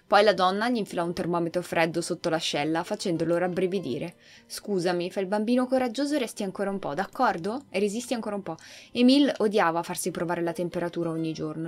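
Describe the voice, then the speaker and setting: Narrating a game's storyline with expressive flair, the host of a gaming channel speaks in a mid-range female voice.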